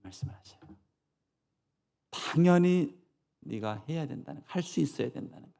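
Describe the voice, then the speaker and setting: Gravelly, animated pastor preaching. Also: male voice, a little high, normal speed. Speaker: senior pastor. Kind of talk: sermon.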